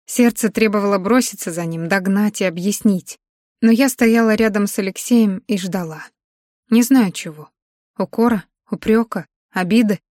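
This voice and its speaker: A woman narrating a novel in the first person with a measured, expressive reading. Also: medium pitch, dry recording, clean studio sound. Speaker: audiobook narrator.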